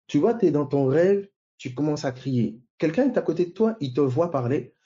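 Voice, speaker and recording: Male preacher, slow and repetitive, mellow tone, dull muffled recording. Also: on the high side, lively intonation, slightly rough. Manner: slow, repeats and asks the listeners "vous voyez?" often. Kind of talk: sermon teaching.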